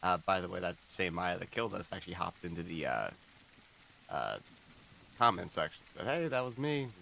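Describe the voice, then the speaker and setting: Male streamer, low gravelly morning voice, kept quiet and relaxed, faint noise behind. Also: normal speed, low-quality recording. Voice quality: groggy morning voice. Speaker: game streamer. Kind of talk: casual live-stream chat.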